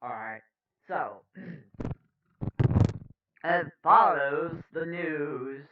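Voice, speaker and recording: A man's voice: on the high side, expressive, very slow. A man, a political commentator, reading the news aloud with blunt, profane, sarcastic asides. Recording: dull lo-fi sound, off-mic.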